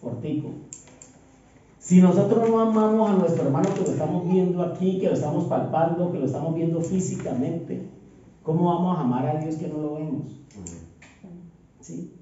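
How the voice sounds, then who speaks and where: A man's voice: a little high, fairly even intonation, mellow. A man preaching a sermon in a church, often checking in with his listeners with a rhetorical "¿sí?". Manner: reads scripture slowly with stress. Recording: echoey church hall, distant dull mic.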